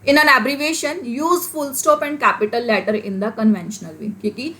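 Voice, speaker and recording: Indian woman teaching English, higher voice. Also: sharp tone. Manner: explains in Hindi mixed with English, reads English sentences slowly. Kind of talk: classroom lecture.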